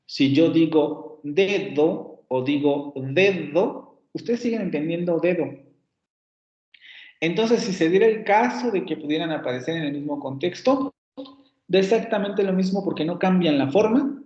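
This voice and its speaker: Slow-talking Mexican lecturer in a roomy recording. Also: male voice, a little high, a little mellow. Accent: Mexican Spanish. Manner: slow, deliberate, often rephrases and checks "¿sí?" with students. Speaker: university phonetics lecturer. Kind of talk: explanatory online class lecture. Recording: roomy, dull lo-fi class recording.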